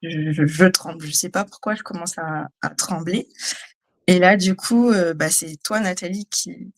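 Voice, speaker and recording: A woman giving a personal testimony, speaking in a hesitant, halting way with many fillers. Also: on the low side, gravelly. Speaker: guest, trainee.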